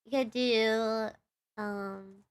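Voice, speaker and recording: A woman's voice: fairly high pitch, steady tone, extremely slow, clean tone. A young woman with a Texan accent, chatting casually on a live stream in a bubbly, giggly, rambling way. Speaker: livestreamer and VTuber.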